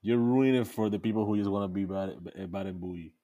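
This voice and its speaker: A man's voice: fairly low pitch, a little fast, warm tone, highs cut off. A man, co-hosting a podcast in casual, profane chat and mixing in English phrases. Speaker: podcast co-host.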